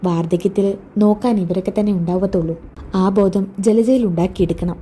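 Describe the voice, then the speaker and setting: A woman voicing an elderly husband, speaking in a steady, reassuring way. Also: medium pitch, a little fast, a little hiss or hum, natural voice.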